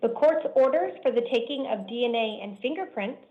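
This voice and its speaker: A woman judge runs the calendar from the bench in a measured, formal, deliberate manner. Her fairly high voice comes through a dull, lo-fi courtroom recording from a bench microphone. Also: expressive.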